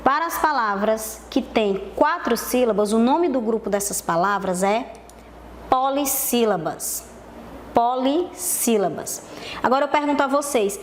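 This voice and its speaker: A Brazilian woman gives a televised lesson to small children, slowing down and repeating each key word so they can follow. Her voice sits a little high for a woman. A faint hiss runs under the recording. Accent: Brazilian Portuguese. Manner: slow, stretched-out syllables, repeating key words for young pupils. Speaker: primary school teacher.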